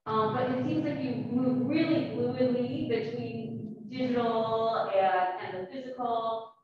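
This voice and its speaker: A woman's voice: on the high side, takes it slowly. A woman moderating a Q&A, asking the artist curious questions. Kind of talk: audience Q&A moderation. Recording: distant, dull, very echoey room mic.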